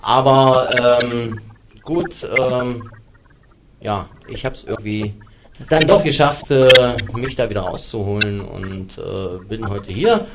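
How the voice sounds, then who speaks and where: A man hosting a live radio chat show, talking haltingly with many fillers and restarts. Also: medium pitch, very noisy. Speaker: radio host.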